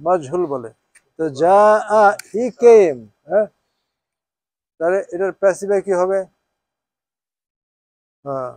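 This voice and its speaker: High-voiced man teaching a class. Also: animated, takes it slowly, long pauses, warm tone, no echo. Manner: checks with students, asks "হ্যাঁ?" often; switches between Bengali and English, spells Arabic out. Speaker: Quran teacher. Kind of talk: informal class lesson.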